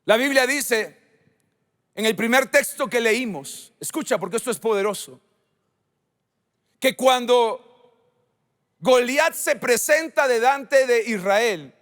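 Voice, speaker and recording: Pastor guy preaching slow and high, big echoey church hall. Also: a bit bright. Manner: preaching with emphatic swings in pitch and volume. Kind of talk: sermon.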